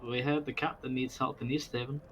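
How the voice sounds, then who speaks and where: A man's voice: mid-range voice, level tone, brisk, a bit bright, poor audio. Teasing man at the game table. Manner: joking, teasing. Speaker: player. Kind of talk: casual chat during a tabletop game.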